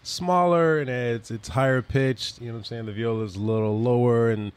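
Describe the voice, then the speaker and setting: A man's voice: medium pitch, fairly even intonation, fairly quick, smooth. A man from the Bahamas, a musician guest on a podcast, explaining in a laid-back way and often checking in with the listener. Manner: laid-back, keeps checking in with "you know". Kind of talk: casual interview.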